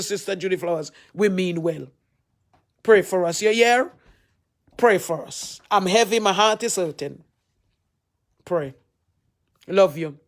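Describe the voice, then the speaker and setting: Affectionate Jamaican woman pastor. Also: medium pitch. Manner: affectionate and pleading, repeating phrases. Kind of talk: livestream talk to followers.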